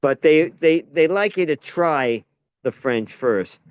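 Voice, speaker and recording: Man, American, actor, casual chat, smooth resonant voice, dry slightly dull recording. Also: on the high side, lively intonation, takes it slowly, no echo. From United States. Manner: rambling, self-interrupting storyteller. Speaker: actor and playwright. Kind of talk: casual conversation.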